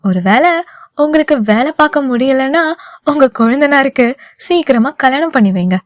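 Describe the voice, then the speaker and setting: A woman's voice: high voice, normal speed, no echo, studio quality, lightly acted. A woman voicing a young woman with a childlike, pleading way of talking. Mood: playful. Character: young woman, playful then anxious.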